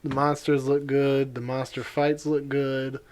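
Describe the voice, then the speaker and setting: A man's voice: medium pitch, completely flat delivery, measured pace, a little mellow. A man co-hosting a podcast in casual chat, laughing often and protesting playfully. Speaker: podcast co-host.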